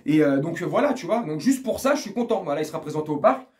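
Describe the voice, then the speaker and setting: A man's voice: on the high side, big pitch swings, fast talker, a little mellow, slight background noise. An older man chatting casually to the viewer as a football fan vlogger, rambling and crude, with jokes and lots of asides. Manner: rambling, crude, jokey, talks straight to the viewer. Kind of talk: casual pre-match chat to camera.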